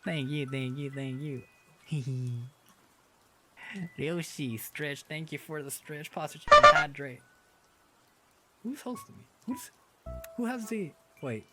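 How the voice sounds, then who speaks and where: A man's voice: fairly high pitch, lively intonation, slow pace, long pauses, over music. A young man streaming, chatting casually while drilling Japanese words, playfully putting on a Southern drawl. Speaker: variety streamer. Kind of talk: casual livestream chat while studying Japanese. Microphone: streaming microphone.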